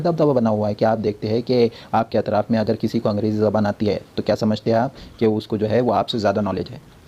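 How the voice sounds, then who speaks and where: A man's voice: medium pitch, mellow. A male teacher giving a classroom lecture, often asking a question and answering it himself, repeating points as he explains. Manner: repetitive, explanatory. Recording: dull lo-fi recording.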